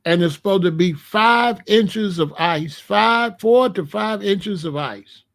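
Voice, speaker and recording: High-pitched American man, emphatic and colloquial. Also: takes it slowly, vocal fry. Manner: colloquial, emphatic, repeats phrases for stress. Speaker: online video host. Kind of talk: casual livestream chat warning viewers about weather.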